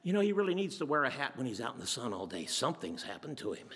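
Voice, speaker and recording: A man's voice: mid-range voice, sing-song, fast talker, a bit bright, pitched below the performer's own voice. A man voicing a puzzled, sleepy neighbor who mutters in bewilderment. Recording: long hall reverb.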